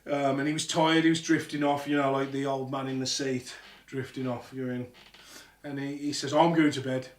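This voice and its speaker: A man hosting a live ghost hunt at night, telling an animated, sweary story in casual talk. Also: mid-range voice, moderate pace, far from the mic. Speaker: paranormal show host. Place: old house at night. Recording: echoey room, off-mic.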